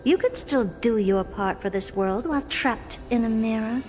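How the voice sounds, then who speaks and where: An actress playing a haughty, smug young genius in a video game, speaking in a theatrical, condescending, taunting way. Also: female voice, fairly high pitch, normal speed, a little mellow, natural voice. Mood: mock cheerful. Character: haughty, smug young woman genius toying with her victim. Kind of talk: scripted video game voice acting. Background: game music.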